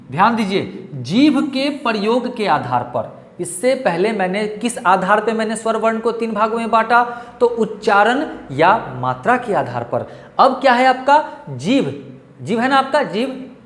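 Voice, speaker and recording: A man's voice: high-pitched, a bit bright, roomy sound. A male teacher with a Bihari Hindi accent giving a grammar lesson, asking questions and answering them himself and coaxing his students. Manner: repetitive, asks and answers own questions; coaxing, calls students dear children.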